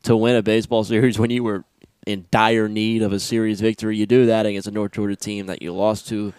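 A young man hosting a casual sports podcast, talking in an energetic, rambling way with many restarts. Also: lowish voice, fast, clean tone, no echo. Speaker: podcast host.

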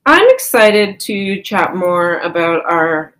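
A woman's voice: on the low side, very animated, takes it slowly, a bit bright, slight background noise. A woman co-hosting a podcast in casual chat, playful and mock-earnest. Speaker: podcast co-host.

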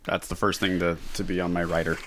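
A podcast co-host in casual chat, animated and jokey, swearing freely. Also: deep voice, fast talker.

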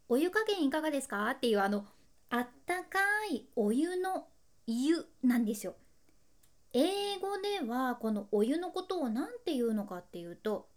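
A woman's voice: high-pitched, a little mellow. A woman with a hosting a casual solo podcast. She talks in a chatty, playful way, laughs often and speaks straight to the listener. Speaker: podcast host, freelance announcer.

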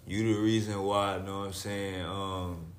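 Casting: male podcast co-host, lowish voice, short slangy statements, roomy echo. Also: little pitch movement, unhurried, a little hiss or hum. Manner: street slang, short declarative phrases. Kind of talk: casual podcast chat. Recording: echoey room.

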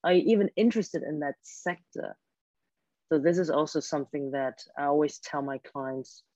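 A career coach whose native language is German has a deep, warm voice and a moderate pace as she explains advice during an interview. She talks earnestly, often starting her words over; the lo-fi recording is dull and dry, with no room sound.

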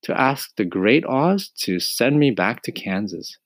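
A man's voice: mid-range voice, sing-song, a little slow, dry recording, clean studio sound, pitched above the performer's own voice. A man voicing a polite, brave young girl in a raised voice. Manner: polite, sometimes surprised.

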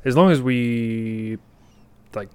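A man's voice: mid-range voice, slow, clean tone. A young man in his late twenties chatting casually, easygoing and affirming. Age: young adult. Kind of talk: casual chat.

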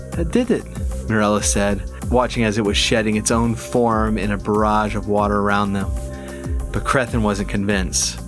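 A man reading fantasy narration for an audiobook in a measured, even way. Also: lowish voice.

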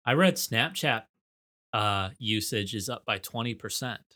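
Podcast co-host: man, young, bright tone, vocal fry, casual and slangy. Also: lowish voice, lively intonation, measured pace. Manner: loose, slangy.

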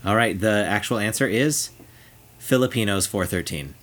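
A man's voice: on the low side, moderate pace, very noisy. A man hosting a casual podcast, running a playful pun quiz for his co-hosts. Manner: playful, quiz-master delivery. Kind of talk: casual chat.

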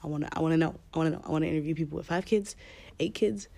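A woman hosting a podcast in casual, rambling, candid talk, with a deep chesty voice that is a bit scratchy from a cold. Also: very fast, gravelly, dark tone, no echo. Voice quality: slightly scratchy. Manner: candid, informal, swearing freely. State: fighting a cold. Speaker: podcast host.

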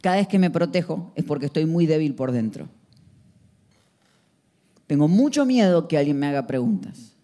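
A man's voice: fairly high pitch, big pitch swings, normal speed, pauses often, dark tone. A man preaching a sermon, emphatic and full of rhetorical questions.

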